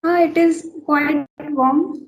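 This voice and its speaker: Young Indian student, Maithili first language, high-pitched, slow careful English conversation. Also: female voice, fairly even intonation, lo-fi sound. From Uttar Pradesh, India. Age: young adult. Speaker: postgraduate student and channel host. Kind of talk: casual chat, English speaking practice.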